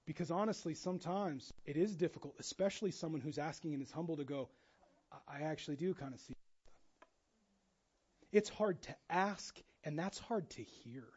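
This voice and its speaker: Man, pastor, sermon, high voice, animated, jokey asides, dull lo-fi recording. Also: a little fast, few pauses, slightly rough. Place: church.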